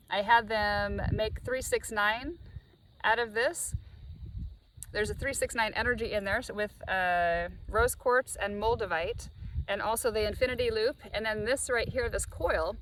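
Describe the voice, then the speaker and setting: A woman of middle pitch talks in a loose, meandering show-and-tell way, her mouth noticeably dry. She slows down whenever she names an object. A faint hiss sits under the recording. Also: rough recording. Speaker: spiritual vlogger.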